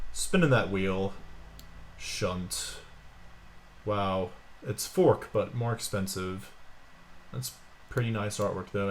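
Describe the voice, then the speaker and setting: A man giving casual, excitable commentary while opening card packs, with jokey asides. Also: lowish voice, slight background noise. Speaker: pack-opening streamer.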